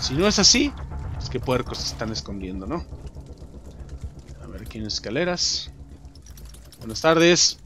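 A young adult man with a Mexican accent, commenting on his own gameplay in slangy, swearing chatter, shouting and taunting enemies. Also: mid-range voice, big pitch swings, measured pace, pauses often. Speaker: gameplay streamer. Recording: music playing behind the voice.

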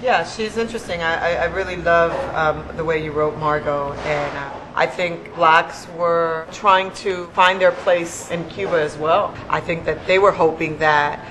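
A middle-aged woman, an actress, talking casually and earnestly about her role, pausing thoughtfully as she goes. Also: low-pitched. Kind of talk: casual table conversation. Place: indoor restaurant table, group seated over lunch. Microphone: handheld-style microphone standing on the table. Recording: noisy restaurant room ambience.

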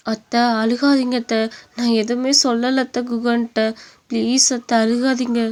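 A meek young wife in a cartoon story, voiced by a woman, soft and pleading with apology. Her voice is high and held to a narrow, level melody. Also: little pitch movement, normal speed, natural voice. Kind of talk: animated story dub.

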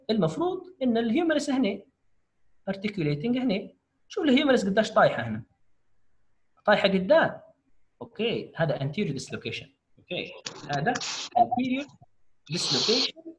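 A man leads an online medical lecture. His voice sits high for a man and swings widely in pitch as he encourages his students. He mixes English medical terms into his dialect. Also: wildly swooping pitch, a little fast. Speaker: doctor teaching radiology.

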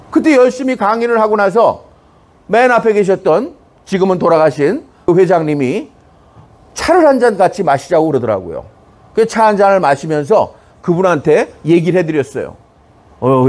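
Teasing, animated middle-aged male lecturer. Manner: teasing, punchy, keeps asking "어?" for a reaction; breaks into shouted examples and squeaky student impressions. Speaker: comedy writer giving a school lecture. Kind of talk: humorous lecture to high school students.

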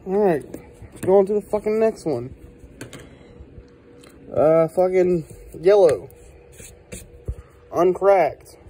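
A man records a casual handheld review at his desk. His voice sits a little high for a man and has a soft, mellow tone. He talks bluntly and profanely, sounding exasperated. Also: animated, slow pace, pauses often, slight background noise. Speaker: product reviewer. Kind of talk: casual handheld video rant. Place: indoors at a desk. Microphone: handheld phone.

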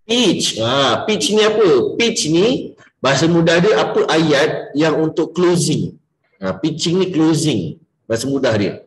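Malaysian male sales coach, lively class leader, slightly high voice, echoey room. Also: measured pace. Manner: energetic, mixes English into Malay, quizzes participants by name.

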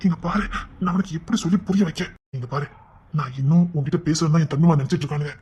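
Husky, fast-talking husband John, played by a man. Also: a little high. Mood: tender. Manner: fast, blustering, then soft and coaxing. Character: devoted, brash young husband John. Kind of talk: amateur Tamil audio drama.

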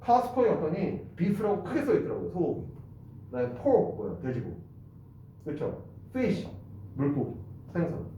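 A man's voice: high voice, wildly swooping pitch, a little fast, dark tone. A man giving a casual spoken English lesson, repeating and drilling phrases aloud. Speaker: English teacher. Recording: distant, roomy, dull and noisy.

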